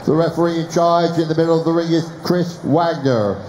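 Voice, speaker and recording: A man's voice: on the high side, brisk, a little mellow, a little hiss or hum. A middle-aged man making formal boxing ring announcer introductions into a handheld microphone, projecting and drawing out his words. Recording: echoey arena PA, faint music.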